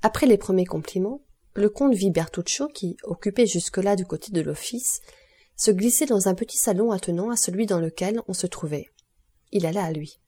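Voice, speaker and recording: A woman reading a classic novel aloud as an audiobook narrator, in clear, measured storytelling. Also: medium pitch, warm tone. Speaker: audiobook reader. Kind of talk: scripted narration.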